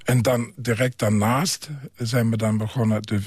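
Older man, low husky voice, halting. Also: flat delivery, dry recording. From Germany. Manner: hesitant, halting with many pauses and fillers. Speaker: psychiatric care worker and author. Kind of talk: radio interview.

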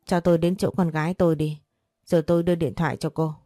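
A woman's voice: low voice, level tone, fast, mellow, dry recording, clean studio sound, soft background music. A woman voicing a desperate young mother who pleads urgently to protect her child in an audio story. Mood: pleading.

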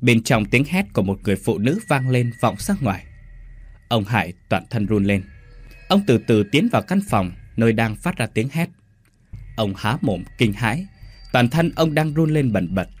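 Husky man narrating a horror story. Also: medium pitch, normal speed. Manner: dramatic, expressive storytelling.

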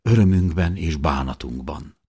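A man reading a novel aloud in the first person, in a measured and somber way. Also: extremely low pitch, darkish tone, husky. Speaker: audiobook narrator.

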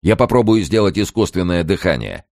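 Kern: a man shouting as a frantic, furious male prisoner. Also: deep voice, big pitch swings, brisk, vocal fry, no room sound, clean studio sound, pitched above the performer's own voice, full character voice. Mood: urgent. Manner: shouting orders in a raised voice. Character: desperate male prisoner, fierce and commanding.

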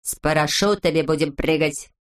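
A woman voicing a composed, clever boy who leads the others in a steady, commanding way. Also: low-pitched, moderate pace, natural voice. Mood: calm. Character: calm clever boy leader, sensible and composed.

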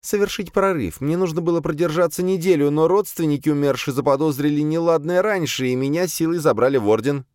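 A man's voice: a little high, fast talker, few pauses, a little mellow, clean tone, dry recording, clean studio sound, voice pushed up, natural voice. A man voicing a timid female demon maid. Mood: subdued, confessing. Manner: timid, deferential, pleading. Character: young female demon posing as a servant, meek.

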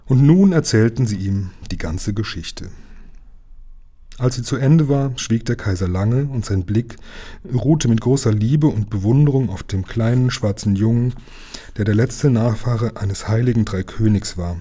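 A man reading a children's book aloud in a calm, measured storytelling manner. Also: fairly low pitch, slightly rough. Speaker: reader.

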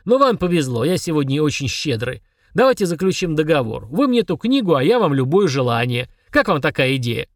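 A man voicing a haughty, short-tempered male demon lord who roars and sneers at mortals in a slow, booming manner. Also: big pitch swings, no echo, clean studio sound. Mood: wheedling. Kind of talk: audiobook character voice.

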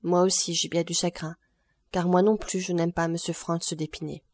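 A woman's voice: fairly low pitch, flat delivery, moderate pace, darkish tone, lightly acted. A woman reading an audiobook, voicing an earnest young woman who speaks anxiously and affectionately to her grandfather. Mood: pleading.

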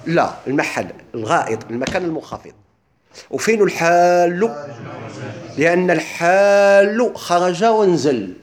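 A man's voice: high-pitched, animated, moderate pace. A man with a Moroccan accent teaching a lesson on classical rhetoric, asking questions and answering them himself.

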